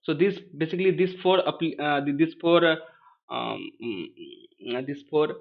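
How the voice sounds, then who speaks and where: A man with a thick Hindi accent gives an informal lesson in hesitant, halting English, often repeating words and phrases. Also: a little high, lively intonation, vocal fry, narrow, tinny audio. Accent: thick Indian (Hindi). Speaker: first-time tutorial presenter.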